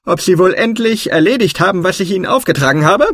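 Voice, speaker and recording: A man's voice: sits high, animated, fast talker, a bit bright, no room sound, studio quality, pitched above the performer's own voice. A man voicing a vain, pompous male goblin king in a storybook reading, boastful and haughty.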